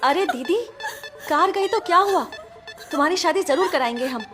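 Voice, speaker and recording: A very high-pitched young woman badgers her elder sister, her voice leaping up and down as she pleads and demands. It is a loud Hindi film dub. Music runs under her lines. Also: expressive, moderate pace. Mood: insistent. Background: film score.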